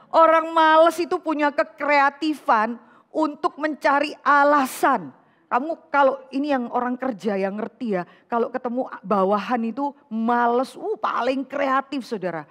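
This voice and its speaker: A woman vicar preaching a lively sermon to a women's fellowship, asking rhetorical questions and mixing in English phrases. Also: high voice, measured pace, in a large hall. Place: church hall.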